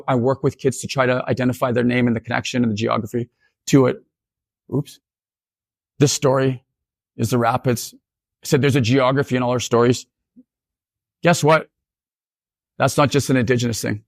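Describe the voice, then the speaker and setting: A man from northern Saskatchewan giving a storytelling keynote talk as an educator, animated, with frequent restarts and acted-out dialogue. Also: medium pitch, gravelly, dry recording, clean studio sound.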